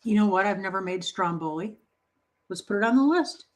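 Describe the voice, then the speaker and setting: A baking channel host runs a home baking livestream, chatting casually and answering viewer comments in a playful, encouraging way. Her voice is medium in pitch, expressive, and fairly quick.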